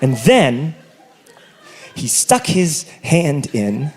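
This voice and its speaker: A man telling a stand-up comedy story in an animated, theatrical way, moving between loud bursts and low asides. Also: drawn-out words.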